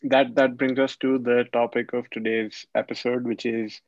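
A man hosting a podcast, asking halting questions with lots of fillers and some teasing. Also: medium pitch, little pitch movement, no room sound, muffled recording. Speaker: podcast host. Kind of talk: casual interview.

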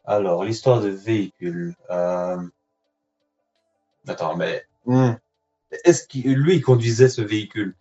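A man's voice: fairly low pitch, unhurried, pauses often, mellow. A man calling in over the phone to co-host a live web-radio guessing game, hesitant and thinking aloud with many fillers, his phone lying on his lap. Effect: heard over a phone line. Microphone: phone lying on his lap, away from his mouth. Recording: dull lo-fi phone line with faint music.

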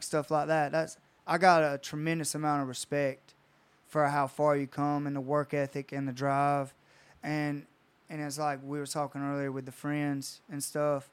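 A man's voice: mid-range voice, smooth. A young man, a coach, telling a personal story in casual podcast chat, full of swearing and retold dialogue. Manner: storytelling, retells conversations with swearing.

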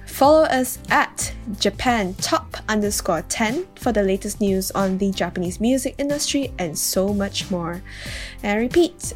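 A woman co-hosting a top ten countdown show, reading scripted announcements. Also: mid-range voice. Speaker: podcast co-host.

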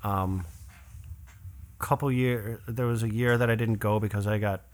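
A man's voice: on the low side, steady tone, moderate pace. A man in his forties, a guest musician on a podcast, chatting casually and joking around, often trailing off into fillers. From United States. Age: 40s. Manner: jokey, laughs easily, trails off into fillers.

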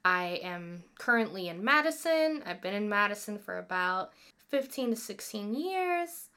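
A woman's voice: medium pitch, big pitch swings, a little slow, sharp tone, clear, resonant tone. A woman in her twenties co-hosting a podcast, chatting casually and rambling, often correcting herself mid-sentence. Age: 20s. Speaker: podcast co-host. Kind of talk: casual personal chat.

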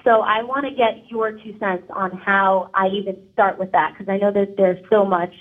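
A woman in her twenties from Connecticut, calling in over the phone to ask a question, talking in an excited, rambling way with lots of fillers. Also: mid-range voice, moderate pace. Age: 20s. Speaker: caller. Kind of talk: casual call-in question. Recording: tinny phone line.

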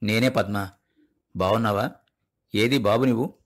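A man voicing a hunted young husband who speaks softly and tenderly to his father and wife. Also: on the low side, normal speed, close to an everyday voice. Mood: hushed tender. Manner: whispering, tender.

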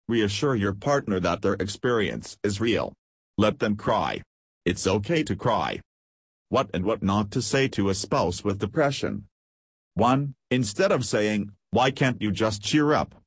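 A man reading scripted advice as a steady, numbered list. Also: lowish voice, breathy edge, no echo. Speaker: narrator. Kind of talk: scripted narration.

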